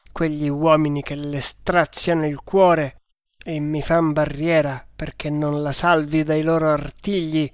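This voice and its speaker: A man's voice: a little high, dry recording, studio quality, close to an everyday voice. A man voicing a passionate, vengeful young male hero who makes fierce, impassioned declarations in an audiobook. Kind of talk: audiobook character voice.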